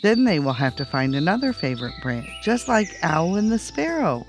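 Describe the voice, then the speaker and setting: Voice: mid-range voice, very animated, moderate pace, soft background music. A storyteller voicing a small, earnest and eager little piglet in a bedtime tale. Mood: cheerful.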